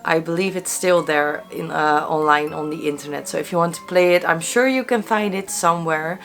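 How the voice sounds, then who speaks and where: A woman's voice: low-pitched, a little fast, soft background music. A woman whose first language is Dutch, sounding stuffy from a cold, narrating a true crime case dramatically and then chatting casually as host.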